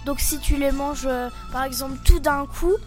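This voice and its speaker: High, hesitant teen girl panelist. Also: steady tone, moderate pace, over music. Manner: hesitant, thinking aloud with fillers. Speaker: student panelist. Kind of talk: casual panel chat.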